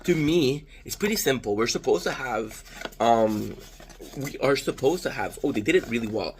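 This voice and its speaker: A Canadian man in his thirties with a French Canadian accent rambles through a food-tasting vlog, swearing and cracking self-deprecating jokes. His medium-pitched voice is animated and moves at a normal speed, with a little hiss or hum in the recording.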